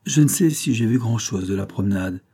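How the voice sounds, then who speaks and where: Man narrating a novel, low, dark, husky voice, measured first-person read. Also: animated. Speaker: audiobook narrator.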